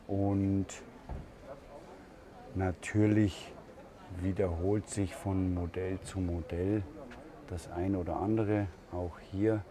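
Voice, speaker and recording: Man, slow deliberate speech, pauses and fillers, camper room tour, trade fair crowd chatter behind. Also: sits low. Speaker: camper van reviewer. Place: camper van at a busy trade fair hall.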